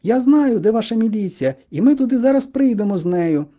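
A man voicing a bold young girl who calls out in a loud, ringing voice. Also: high-pitched, expressive, a little fast, voice pushed up. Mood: eager.

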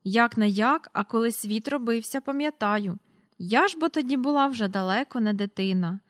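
A woman voicing a tiny, very old shopkeeper woman with a squeaky voice, in a read-aloud storybook. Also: lively intonation, moderate pace, dry recording, clean studio sound, natural voice. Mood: chatty. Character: tiny ancient shrill old woman shopkeeper, sharp-tongued.

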